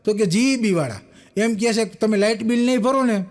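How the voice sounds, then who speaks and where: A man's voice: high-pitched, brisk. A young man, telling jokes as comic stories and acting out the people in them. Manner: acts out the people in each joke, with punchlines. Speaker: stand-up joke teller.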